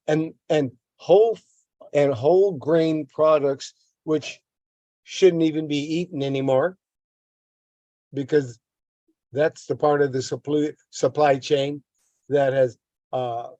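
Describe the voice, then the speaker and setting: Older man, mellow low-toned voice, dry close sound, reads notes and goes off on rants, repeats himself. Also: takes it slowly, long pauses, no echo, highs cut off. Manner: repeats words, rants at length against a government agency. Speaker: health educator. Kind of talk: reading a text and adding comments.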